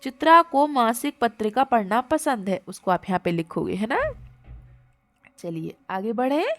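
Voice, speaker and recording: A woman teacher, taking young children patiently through a workbook lesson and repeating each word slowly. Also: fairly high pitch, animated, no echo.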